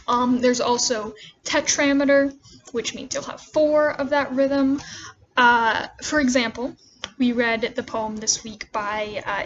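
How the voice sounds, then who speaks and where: A woman teacher talks through a recorded lecture in a loose, reassuring way, filling pauses with ums and uhs. Her voice sits a little high. The recording is dull and lo-fi, with faint hiss behind her. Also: a bit bright. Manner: casual, reassuring, many fillers.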